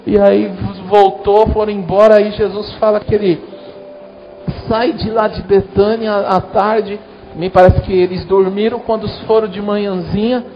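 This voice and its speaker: A man's voice: sits high, little pitch movement, measured pace, lo-fi sound, soft background music. A Brazilian man, a pastor, giving a sermon in a church in a chatty style, talking straight to the congregation. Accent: Brazilian Portuguese. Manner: conversational preaching, addresses congregation directly.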